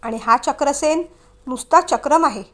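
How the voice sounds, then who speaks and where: A woman voicing a flustered but spirited young woman who turns sharp and scolding. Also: high-pitched, measured pace. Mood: indignant.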